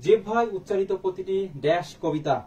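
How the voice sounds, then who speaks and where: A high-pitched man teaches a live online exam-prep class, asking students questions and answering them himself. He sits a little back from the mic. A faint background hiss runs under his voice. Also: fast talker, mellow. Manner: quizzing, rhetorical questions and answers. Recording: faint background noise, slightly distant mic.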